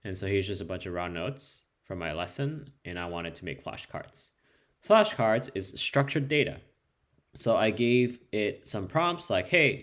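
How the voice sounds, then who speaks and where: His voice sits low with a fairly bright tone as he casually demonstrates code over a screen share. Spanish is his first language. The developer keeps things conversational, using plenty of ums and often starting sentences over.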